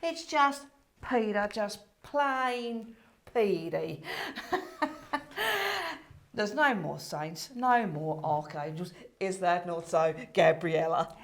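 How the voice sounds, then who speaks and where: A woman's voice: on the low side, lively intonation, slow, pauses often. A woman acting a bubbly, bossy Saint Peter in a comic play, theatrical, emphatic and giggly. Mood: brisk, officious.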